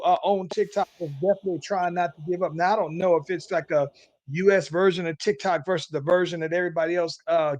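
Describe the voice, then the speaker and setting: High-voiced man hosting a chatty podcast. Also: darkish tone, no echo, lo-fi sound. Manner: rambling, tags sentences with "though, man". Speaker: podcast host. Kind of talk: casual podcast chat.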